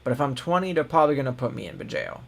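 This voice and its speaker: Medium in pitch but gravelly, this young man speaks very fast in a sing-song way. He co-hosts a news show, reading headlines aloud before tossing out casual, filler-laden takes on them.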